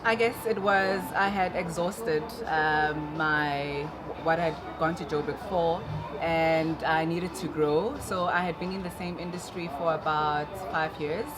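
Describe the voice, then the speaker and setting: A woman with a South African accent answering interview questions conversationally, often pausing to find her words. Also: deep voice, fairly even intonation. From Durban, South Africa. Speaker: interview guest, marketing and events businesswoman. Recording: music under the talk. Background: loud music.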